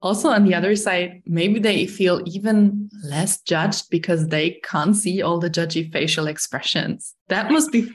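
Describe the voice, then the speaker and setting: A woman's voice: lowish voice, a little slow, hardly any pauses. A woman hosting a podcast in a casual interview, chatty and laughing at her own stories. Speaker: podcast host.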